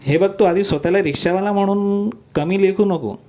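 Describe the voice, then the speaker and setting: A man's voice: high voice, moderate pace, darkish tone, a little hiss or hum, pitched above the performer's own voice, lightly acted. A man voicing a cheerful, pampered young woman in love, who talks in a playful, affectionate, teasing way.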